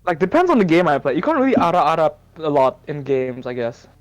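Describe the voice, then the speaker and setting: Playful chatty streamer man, raised pitch. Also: big pitch swings, quick pace, highs cut off, soft background music. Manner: playful, chatty, breaks into laughter. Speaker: streamer host. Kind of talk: casual live-stream chat. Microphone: streaming microphone.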